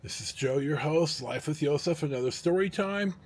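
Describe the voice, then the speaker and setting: As a vlog host, a middle-aged man casually tells his viewers a personal story, his voice sitting on the high side. His delivery rambles and halts, marked by dramatic pauses and emphasis.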